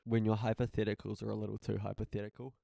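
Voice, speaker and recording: A young man trades dry, teasing banter as a podcast co-host. His voice sits low and has a gravelly fry to it. The sound is close and dry, with no room around it. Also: little pitch movement, fast, warm tone, no room sound. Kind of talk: casual chat.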